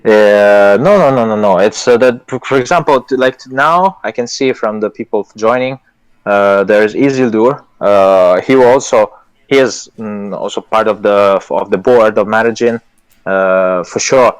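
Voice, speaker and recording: Over a low-quality recording comes a lowish, clean-toned male voice at normal speed. He's a project lead guesting on a live audio chat, Italian his first language, and his speech is hesitant and full of fillers and restarts, earnest, with self-deprecating light laughs.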